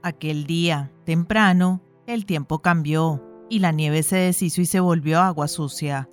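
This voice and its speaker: Audiobook narrator, woman, low voice, steady read, soft music under it. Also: measured pace. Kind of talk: scripted narration of a short story.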